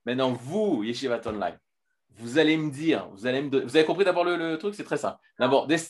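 A man teaching a filmed Torah lesson, lively, with many restarts and fillers. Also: mid-range voice, fast talker.

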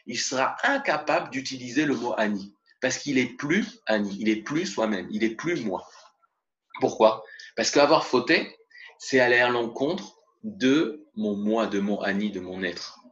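A man giving a spoken religious lesson as a Torah teacher, expressive and mixing Hebrew terms into his explanations, in a dull lo-fi recording. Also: medium pitch, measured pace.

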